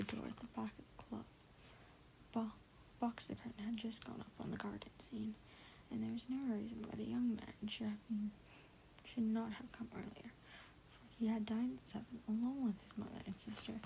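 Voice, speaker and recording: Woman for a whispered ASMR reading of a novel: mellow, gently fried tone, trips over words and makes chatty side remarks. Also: on the high side, gravelly, a little hiss or hum, rough recording. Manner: soft whisper, stumbles and corrects herself, chatty asides. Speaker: ASMR book reader.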